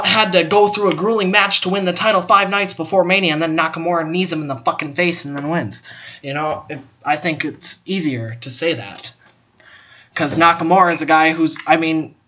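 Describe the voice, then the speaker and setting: Bright-voiced opinionated young man. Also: fairly high pitch. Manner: opinionated, animated, swears casually. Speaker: podcast host. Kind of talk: casual wrestling prediction chat.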